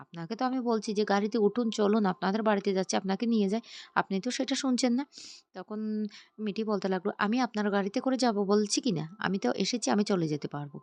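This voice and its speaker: A woman retelling the scenes of a TV serial in a quick storytelling recap, reading out every character's lines herself. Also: medium pitch, darkish tone, no echo.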